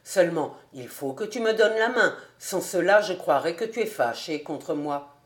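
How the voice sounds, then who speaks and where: A woman reading aloud who voices a kind, cheerful young gentleman in a lowered voice. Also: expressive, normal speed, reverberant, natural voice.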